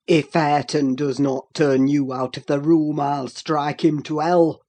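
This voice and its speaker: Reading aloud, a woman voices a furious, brooding middle-aged master of the house who threatens and barks orders in a raging mood. She pitches her voice below her own natural register, making it low, dark, steady and a little slow, with a harsh, threatening, commanding delivery.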